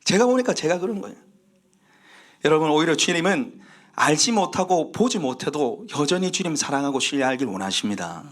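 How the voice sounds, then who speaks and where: A pastor delivers a sermon with animated storytelling. His voice sits a little high, and it rises and falls dramatically as he drives each point home. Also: a little fast.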